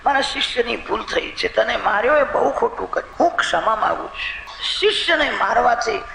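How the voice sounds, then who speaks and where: A calm, selfless old guru, voiced by a preacher, pleads gently and humbly. The voice is very high, gravelly and bright. It carries a roomy echo. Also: male voice, normal speed, slight background noise, full character voice. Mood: pleading. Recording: roomy echoing hall recording.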